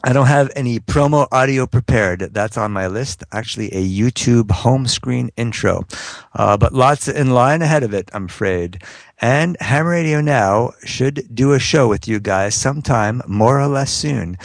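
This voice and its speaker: Gravelly-voiced podcast co-host man. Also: medium pitch, normal speed, no room sound. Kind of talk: casual chat, reading listener email.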